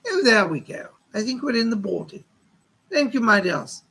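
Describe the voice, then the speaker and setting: A man working as a seance medium, voicing a chatty, cultured gentleman spirit guide who reminisces politely in a creaky, bright-edged voice. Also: extremely high pitch, expressive, moderate pace, heavily acted. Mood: genial, musing.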